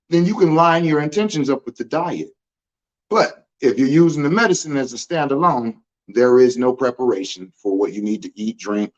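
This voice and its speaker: A man's voice: a little high, highs cut off. A man, born in Germany, explaining venom medicine in a laid-back, casual livestream chat, using vivid analogies.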